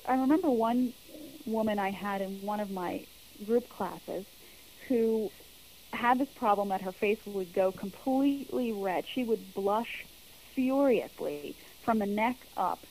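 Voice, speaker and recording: A woman's voice: mid-range voice, a little slow, darkish tone, low-quality recording. A woman who works as a public speaking coach, answering interview questions in an earnest, explanatory way and repeating her key points.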